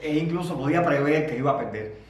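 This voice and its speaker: A Cuban man in his thirties, speaking with a Cuban Spanish accent, is an interview guest heard from some distance in a very echoey room with faint background noise. His pitch is mid-range for a man. He talks haltingly and reflectively, often repeating words before moving on.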